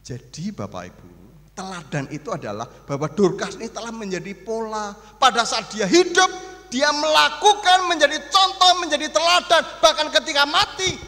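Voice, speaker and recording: A man preaching a sermon as pastor, animated, acting out mourners and gossip in small voices. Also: extremely high pitch, normal speed. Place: church hall. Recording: echoey church hall with long reverb.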